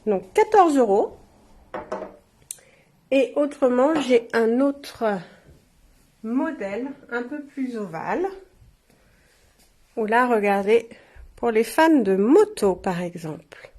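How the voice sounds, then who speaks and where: Slow-talking woman showing her products. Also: fairly high pitch, lively intonation. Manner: chatty, warm asides to viewers. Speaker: shop presenter. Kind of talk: casual product showcase.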